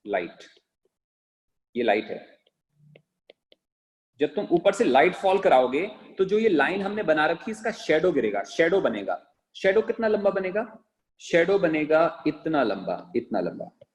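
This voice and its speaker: A male teacher giving a classroom lecture, asking the class rhetorical questions and repeating phrases slowly so students can write them down on words. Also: on the high side, a little mellow, poor audio. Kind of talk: classroom lecture, dictating notes.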